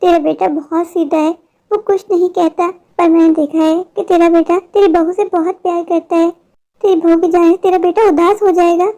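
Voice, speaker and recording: A woman's voice: very high voice, fairly even intonation, moderate pace, mellow. A woman voicing a prying, meddling older neighbor woman in a cartoon story. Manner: prying, insinuating.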